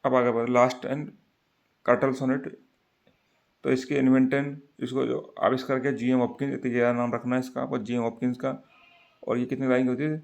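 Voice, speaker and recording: Gravelly male teacher explaining step by step. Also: medium pitch, level tone, fairly quick. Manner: explains step by step, repeats key facts. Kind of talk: exam-prep lecture.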